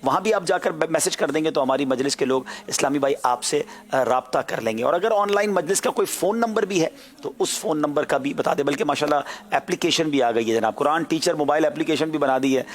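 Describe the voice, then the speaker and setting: A man hosting a religious TV quiz show, politely explaining things step by step and addressing viewers directly. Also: fairly high pitch.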